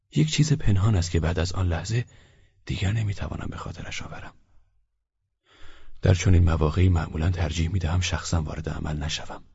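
A male narrator reads a first-person story in a measured, reflective manner. His voice is very deep and heavily breathy. The recording sounds dull and lo-fi. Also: darkish tone.

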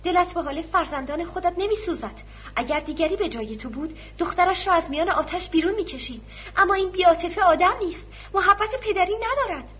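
A woman's voice: fairly bright tone, muffled recording. A woman voicing a distraught mother who sobs and pleads, in a storybook reading. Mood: furious. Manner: sobbing, shrill pleading. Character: distraught middle-aged mother, wailing and pleading.

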